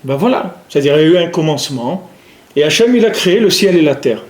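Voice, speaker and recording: A man's voice: fairly high pitch, expressive, fast talker. A man giving a spoken religious lesson, repeating points emphatically and asking rhetorical questions. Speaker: rabbi teaching. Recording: echoey room.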